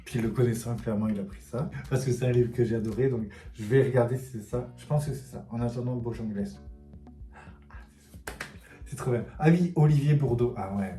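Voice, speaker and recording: Dark-voiced man, chatty book vlogger. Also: medium pitch, fairly quick. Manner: thinks aloud, trailing off softly. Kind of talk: casual book quiz vlog. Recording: roomy echo, faint background music.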